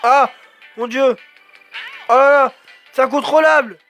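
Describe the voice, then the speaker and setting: A man giving let's play commentary, swearing a lot and exclaiming excitedly as he talks to himself. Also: very high-pitched, measured pace, faint music behind. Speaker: gamer.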